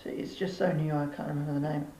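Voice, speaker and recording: A man's voice: a little high, level tone, fast talker, warm tone, close to an everyday voice. A man playing a vague, forgetful plant professor who hesitates and forgets names. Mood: hesitant. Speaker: mock expert interviewee. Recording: roomy with faint background noise.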